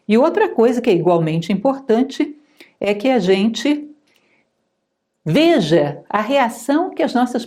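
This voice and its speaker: A middle-aged Brazilian woman lectures in a calm, measured teaching tone. Her voice is mellow and warm rather than bright, with a middle pitch. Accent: Brazilian Portuguese. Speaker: lecturer on philosophy. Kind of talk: spoken lecture.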